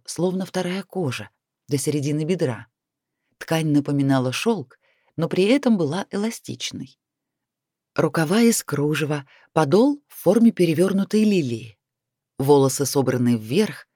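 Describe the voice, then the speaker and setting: A man steadily narrating a first-person fantasy audiobook in an even storytelling manner. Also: a little high, dry recording, clean studio sound.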